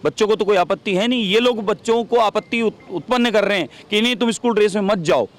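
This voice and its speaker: A man's voice: high-pitched, quick pace. A man giving a heated interview as a legislator, combative, repeating rhetorical questions.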